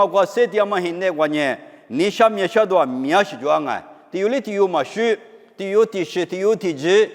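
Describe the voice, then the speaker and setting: Man preaching in a reverberant hall. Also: a little high. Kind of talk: sermon.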